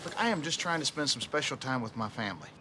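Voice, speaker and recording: A man's voice: medium pitch, animated, quick pace, over a noisy crowd, heavy background noise. A man playing an exasperated, wisecracking family man in a sitcom. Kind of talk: sitcom acting. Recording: studio sitcom with audience laughter.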